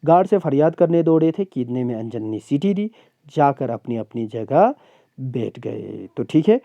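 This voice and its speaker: A man who speaks Purgi as his first language gives a recorded Urdu lesson. He explains words slowly, stretches out sounds, and often checks in with his students. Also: mid-range voice, very animated, vocal fry, dry recording, highs cut off. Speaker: Urdu teacher. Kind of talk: recorded class lecture.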